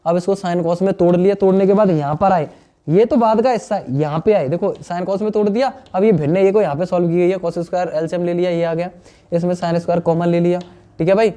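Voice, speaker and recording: Chatty young man teaching maths, bright-pitched. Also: fairly even intonation, brisk. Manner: chatty, addresses students as "dear friends", asks "understood or not?". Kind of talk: classroom lesson explaining solutions.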